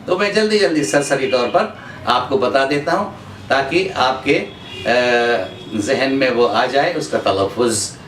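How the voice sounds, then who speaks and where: A man from India teaching an Urdu pronunciation lesson, going through words in a measured way, repeating each one and pausing on drawn-out "uh" fillers. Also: medium pitch, animated, a bit bright, distant mic. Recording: echoey room, voice off-mic, faint background hum.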